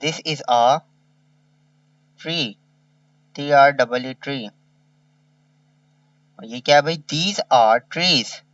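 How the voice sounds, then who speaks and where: Slow man spelling words for young kids. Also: medium pitch, dry recording, distant mic, lo-fi sound. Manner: slow, spells words letter by letter and repeats them. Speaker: teacher. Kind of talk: kindergarten revision lesson.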